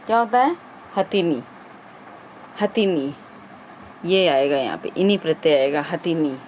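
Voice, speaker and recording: A woman's voice: low-pitched, lively intonation, unhurried, darkish tone, slight background noise. A woman teacher running an exam-prep grammar lesson, quizzing viewers and repeating the answers.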